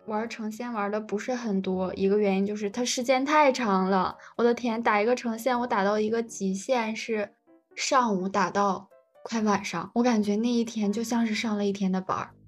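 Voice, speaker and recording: A woman's voice: medium pitch, steady tone, normal speed. A young adult woman, chatting casually. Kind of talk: casual chat. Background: music.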